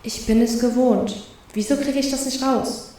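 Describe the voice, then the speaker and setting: A woman voicing a self-conscious young woman thinking to herself in a soft, murmured inner voice with an echo effect. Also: fairly high pitch, fairly even intonation, normal speed, pitched above the performer's own voice. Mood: self-critical. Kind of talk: storybook reading. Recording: heavy echo with faint hiss.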